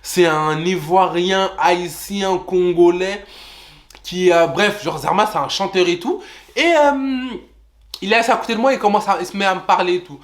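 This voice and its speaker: A young man telling a personal travel story to his viewers in an animated vlog style, talking straight to them and jumping into high voices to act out what people said. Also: moderate pace. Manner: animated, addresses viewers as "les gars", jumps into high voices for quotes. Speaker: vlogger.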